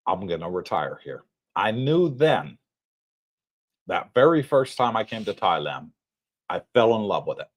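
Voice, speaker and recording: A man around sixty co-hosting a casual livestream, talking in a relaxed, rambling way with frequent chuckles. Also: on the low side. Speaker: livestream co-host.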